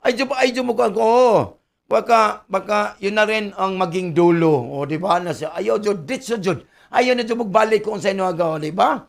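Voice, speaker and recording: A Filipino man hosting a radio show, joking and laughing as he reads listener shout-outs. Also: sits high, normal speed, creaky. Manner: jokey, laughing, mixes languages. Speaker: radio host. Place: radio studio.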